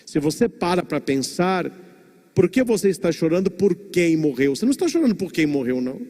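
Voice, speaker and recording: Emphatic priest, expressive storyteller, sermon in a reverberant hall. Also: male voice, on the high side, a little fast.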